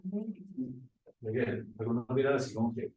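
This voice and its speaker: A man's voice: mid-range voice, big pitch swings, a little slow, phone-quality sound. A male pastor preaching a sermon, questioning his congregation as he teaches. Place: church hall. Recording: echoey hall from far off.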